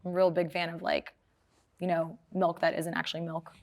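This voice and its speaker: A young woman from Maryland answering a rapid-fire interview in a bubbly, giggly way, often hunting for words. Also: fairly low pitch, little pitch movement, vocal fry, darkish tone. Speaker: guest, apparel business owner.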